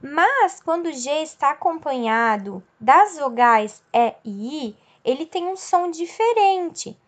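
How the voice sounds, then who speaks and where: A woman's voice: sits high, sing-song. A woman teacher explaining a lesson patiently, checking in with her class and stretching out example words. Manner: slow, explanatory, checks in with "certo?" and "ok?".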